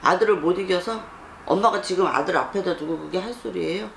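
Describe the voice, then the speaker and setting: A blunt fortune teller lectures and scolds, pushing for answers with sharp repeated questions. The voice sits in a roomy space. A faint hiss of background noise runs underneath. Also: medium pitch, fairly quick, vocal fry. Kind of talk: scolding counsel session.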